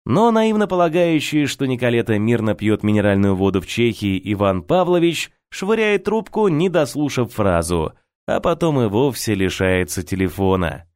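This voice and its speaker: A man's voice: mid-range voice, very animated, normal speed, few pauses, a little mellow, no room sound, clean studio sound. A man narrating an audiobook in the first person with wry, ironic storytelling. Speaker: audiobook reader.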